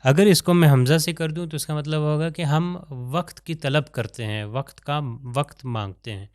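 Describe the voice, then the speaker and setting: A man teaching Quran recitation over slides, explaining letters and then slowly drawing out sample verses. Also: a little high, clean tone, no room sound, clean studio sound. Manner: slow drawn-out sample recitations between explanations. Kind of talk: pronunciation lesson over slides.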